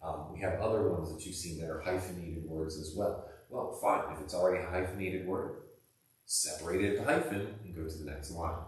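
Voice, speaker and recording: Male teacher, low voice, loose chatty explaining, booming classroom echo. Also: a little fast. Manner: casual, rambling explanation with many fillers. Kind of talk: recorded classroom lesson. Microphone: camera across the room. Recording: echoey room, distant camera mic.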